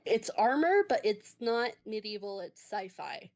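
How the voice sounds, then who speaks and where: A woman narrating a tabletop game as game master, halting and full of fillers, laughing often. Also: mid-range voice, lively intonation, darkish tone.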